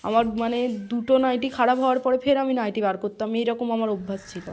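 A woman's voice: a little high, fast talker, a little mellow. A woman vlogger giving a casual, chatty voice-over, talking to her viewers like close friends. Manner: confiding, talks straight to viewers as friends. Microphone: voice-over recorded separately from the footage.

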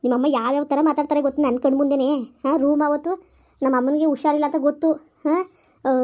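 A woman playing a young wife who complains rapidly and indignantly to her husband about his mother, in a village comedy skit. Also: high-pitched, mellow, natural voice. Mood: hurt. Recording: slightly dull lo-fi recording.

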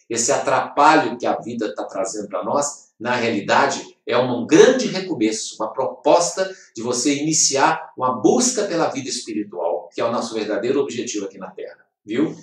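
An earnest man gives a motivational talk, repeating his points and speaking straight to the listener. His voice sits at an ordinary middle pitch. It sounds roomy and distant, picked up from well away from the microphone. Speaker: host of an inspirational program. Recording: echoey room, voice far from mic.

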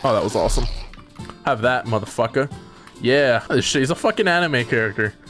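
Man excitable let's-play host, animated and swearing, faint game music behind. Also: medium pitch, brisk. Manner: excitable, profane, laughing often. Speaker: gamer. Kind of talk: casual let's-play commentary.

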